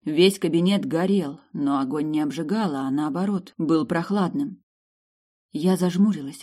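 Measured first-person audiobook narrator. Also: medium pitch, dark tone. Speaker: audiobook reader.

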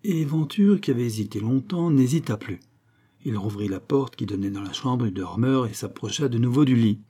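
A man narrating a classic novel in a measured, dramatic reading. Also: medium pitch, dark tone, breathy edge. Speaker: audiobook narrator.

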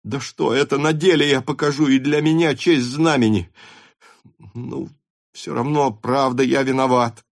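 A man's voice: mid-range voice, fairly even intonation, gravelly, dry recording, studio quality, voice pushed up. A man voicing a proud young male officer who pleads and stumbles over his words. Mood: flustered. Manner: pleading, halting and defensive.

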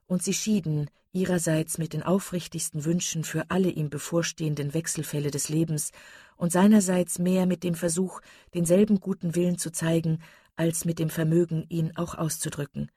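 A woman reading a novel aloud as audiobook narrator, in a steady, even way. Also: deep voice, moderate pace, slightly rough, dry recording, studio quality. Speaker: audiobook reader. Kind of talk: scripted narration.

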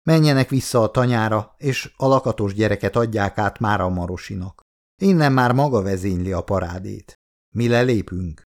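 A man's voice: lowish voice, close to an everyday voice. A man reading the lines of a tough commando colonel who barks curt orders. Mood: commanding.

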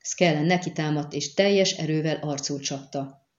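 A woman narrating a novel in a steady, dramatic audiobook style. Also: low-pitched, roomy sound, lo-fi sound. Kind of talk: scripted narration.

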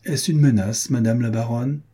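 A man's voice: medium pitch, fairly even intonation, normal speed, warm tone, slightly rough, natural voice. A man reading the part of a proud young nobleman in an audiobook, firm, polite and coolly ironic.

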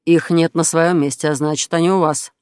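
A woman's voice: low voice, steady tone, fairly quick, darkish tone, smooth, no echo, clean studio sound, natural voice. A woman voicing a bumbling, easily confused father in a children's audiobook. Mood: insistent. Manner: puzzled and plain.

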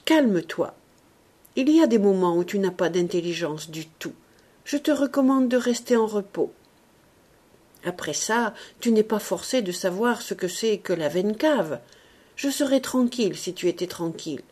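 A woman's voice: mid-range voice, expressive, moderate pace, a little mellow, lightly acted. A woman voicing an anxious, tender old man who pleads and trembles as he comforts his daughter. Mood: soothing.

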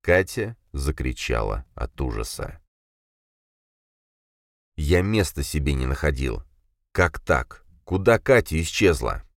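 Deep-voiced man reading an audiobook. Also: slow, gravelly, long pauses, dry recording, clean studio sound. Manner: expressive, dramatic reading. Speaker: audiobook narrator. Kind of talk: scripted fiction narration.

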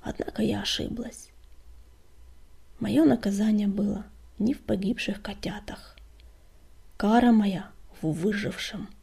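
A woman's voice: medium pitch, a little slow, long pauses, dark tone, exaggerated voice. A woman reading the part of an old grieving female medicine cat from a storybook, in a whisper. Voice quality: whispered, breathy.

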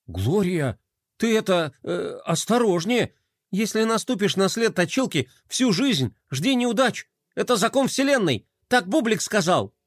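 A man's voice: high voice, fairly quick, dry recording, studio quality, voice pushed up, close to an everyday voice. A man voicing a superstitious, jittery young boy in a children's story, who talks in an anxious, panicky way.

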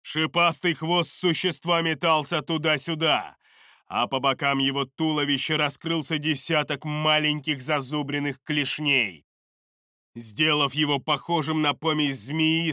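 A man narrating a dark fantasy audiobook in a measured, deliberate way on a close studio mic. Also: fairly high pitch, no room sound.

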